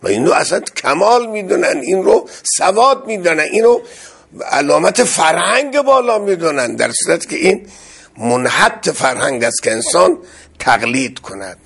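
Gravelly, husky-voiced male preacher. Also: a little high, big pitch swings, a bit bright. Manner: impassioned, rising to emphatic outbursts. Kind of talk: religious sermon.

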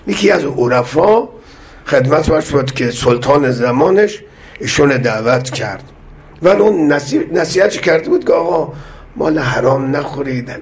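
A man preaching a sermon, speaking slowly and with measured weight, and acting out the voices of the people in the stories he tells. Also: a little high, animated. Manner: slow, measured delivery, voicing the people in his stories. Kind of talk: sermon with storytelling.

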